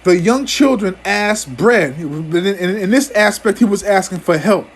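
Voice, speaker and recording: Husky high-voiced man preaching angrily. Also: animated, measured pace. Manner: profane, repeats "man" after nearly every phrase; stammers and restarts words. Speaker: scripture teacher. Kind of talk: angry scripture commentary.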